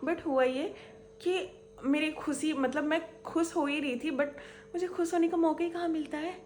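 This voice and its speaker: A woman's voice: high-pitched, steady tone, normal speed, a little mellow, faint music behind. A young woman vlogging on a crowded local train, chatty and storytelling, retelling her conversations at length. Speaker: travel vlogger. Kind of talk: casual vlog storytelling.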